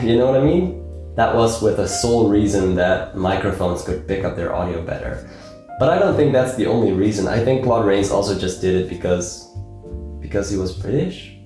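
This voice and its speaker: Here a young man with a deep, slightly mellow voice talks loosely about films as a vlogger, full of fillers and repetitions. The recording was made in a very echoey room.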